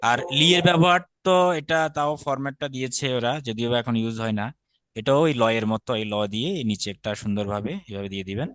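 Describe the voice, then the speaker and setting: A man's voice: mid-range voice, fast talker, a bit bright, no echo. A man teaching Sanskrit letters, patiently repeating and demonstrating each stroke. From Bangladesh. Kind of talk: step-by-step script lesson.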